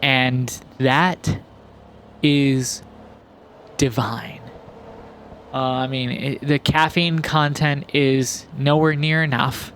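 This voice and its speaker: A young man giving relaxed, rambling commentary over gameplay, full of fillers and restarts. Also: medium pitch, drawn-out words, pauses often, a little hiss or hum. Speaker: gaming commentator. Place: home, recorded in post.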